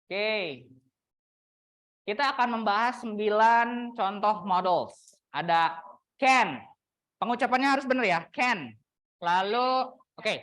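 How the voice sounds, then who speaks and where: A woman's voice: medium pitch, a bit bright. Chatty young woman lecturing a class. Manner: teasing, chatty, slows down to model English examples. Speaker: university English lecturer.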